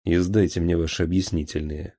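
A dutiful police officer who stands up for his men, voiced by a man in an audiobook. He reports in a brisk, matter-of-fact way in a low, dark voice. The read is close and dry. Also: little pitch movement, dry recording. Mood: firm, businesslike.

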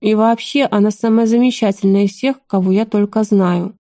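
A woman's voice: medium pitch, fairly even intonation, moderate pace, warm tone, close to an everyday voice. A woman voicing a defiant young prince who snaps back at his family. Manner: curt, defiant.

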